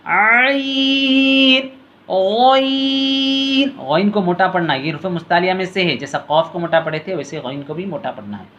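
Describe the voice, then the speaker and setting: A man teaching letter reading step by step. He calls out each letter name in a long, drawn-out tone, then explains quietly in a lower voice. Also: dull audio. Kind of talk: patient step-by-step reading lesson.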